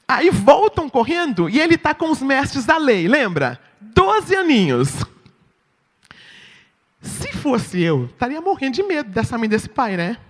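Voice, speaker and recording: A woman with a Brazilian Portuguese accent giving a sermon-style teaching talk at church, often checking in with her listeners. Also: high voice. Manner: expressive, asks the audience "right?". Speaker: church speaker. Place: church hall. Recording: long reverb in a hall.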